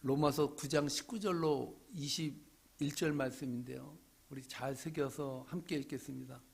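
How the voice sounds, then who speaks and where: A middle-aged male pastor preaching a sermon, swinging from loud pleading questions to hushed asides. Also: medium pitch, fairly even intonation, moderate pace, vocal fry, husky.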